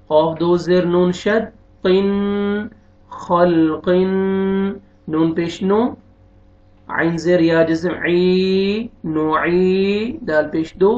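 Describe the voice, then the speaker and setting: A man teaching beginners to read the Quran, spelling out letters and vowel marks one by one, with quicker, quieter explanations of the rules. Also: a little high, highs cut off. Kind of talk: slow spelled-out recitation lesson.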